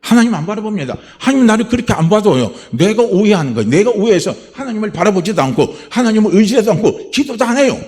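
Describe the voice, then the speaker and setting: A man's voice: high-pitched, very animated, fast talker, few pauses, a little mellow. A middle-aged man, a pastor, preaching a sermon, firing rhetorical questions at the congregation and acting out the voices he quotes. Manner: acts out quoted voices in a raised tone.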